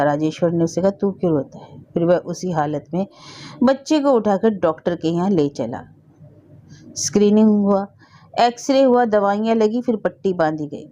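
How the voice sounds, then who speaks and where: Woman narrating a storybook tale, low dark tone. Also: dull audio. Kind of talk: scripted narration.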